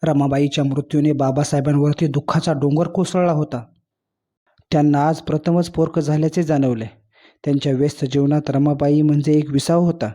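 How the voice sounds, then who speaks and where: A man's voice: a little high, steady tone, fairly quick, warm tone. A man narrating an emotional story in an earnest, dramatic way.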